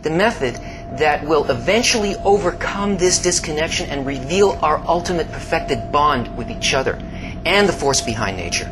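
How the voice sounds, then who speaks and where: A man giving slow, scripted documentary-style narration, swinging between hushed low passages and emphatic rises. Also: music in the background, poor audio. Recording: steady background hiss.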